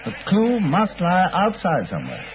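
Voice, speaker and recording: An actor playing Dr. Watson, a polite, earnest doctor who also narrates, in an old radio drama. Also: male voice, high voice, huge pitch swings, moderate pace, background noise, heavily acted. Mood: polite, musing. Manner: courteous, earnest, musing. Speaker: narrator of the story. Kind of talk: 1940s radio acting. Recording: tinny old radio broadcast.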